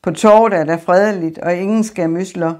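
A woman reading as a calm, steady man. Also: fairly low pitch, lightly acted. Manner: calm, reassuring.

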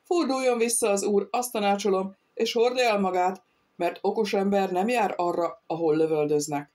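A woman reading an audiobook, voicing a cocky male thief who calmly taunts soldiers from a treetop. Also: medium pitch, far from the mic, close to an everyday voice. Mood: mocking. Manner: taunting, calm, sly.

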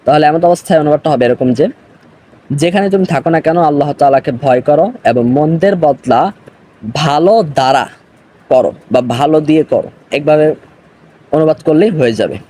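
Slow teaching man, warm mellow voice. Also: fairly high pitch. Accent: Bangladeshi Bengali. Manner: slow, explains and repeats words. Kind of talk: grammar lesson.

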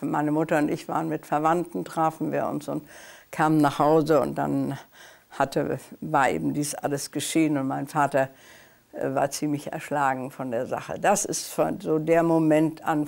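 A woman in her eighties giving a halting personal recollection in an interview, searching for her words. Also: low voice, creaky, darkish tone. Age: 80s. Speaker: eyewitness interviewee.

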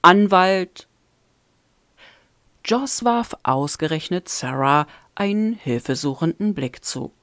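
A woman reading a novel aloud as a fan-made audiobook, in an even storytelling manner. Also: low-pitched, no room sound, studio quality. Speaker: audiobook reader.

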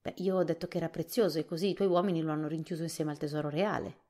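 A woman reading a storybook softly, voicing an anxious, childlike pumpkin-headed man. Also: sits low, steady tone, very fast. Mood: fretful. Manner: fretful, plaintive.

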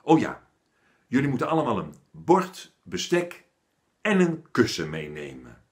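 Kindly bearded schoolteacher read by a man, unhurried, sing-song. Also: mid-range voice, voice pushed up. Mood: friendly. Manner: lively, friendly teacherly voice that turns stern. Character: kind, patient male schoolteacher with a little beard.

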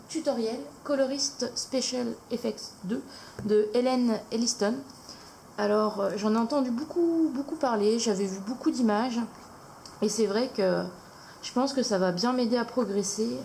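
Hesitant woman with a gravelly voice. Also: on the high side, a little mellow, a little hiss or hum, poor audio. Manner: hesitant, many fillers. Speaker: craft channel host. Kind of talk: casual haul video.

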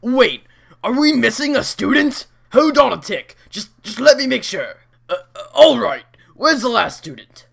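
Woman as a bossy, creaky talking alarm clock. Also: a little high, big pitch swings, moderate pace, heavily acted. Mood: flustered. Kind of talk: fan cartoon comic dub.

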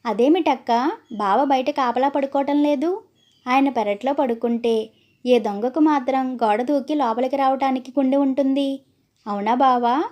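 A woman's voice: high-pitched, moderate pace, a little mellow, close to an everyday voice. A woman voicing a bold, clever young sister-in-law in a storybook tale, teasing and lecturing.

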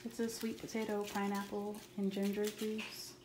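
A woman vlogger calmly listing her groceries in a relaxed, matter-of-fact voice-over. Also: medium pitch, moderate pace. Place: home kitchen. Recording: echoey room with clear background noise.

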